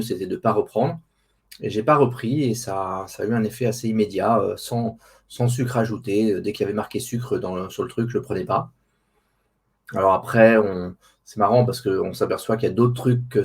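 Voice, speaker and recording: A man answering casually as an interview guest, hesitant and often repeating words while he searches for the next one. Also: fairly low pitch. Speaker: interview guest, online diet group administrator.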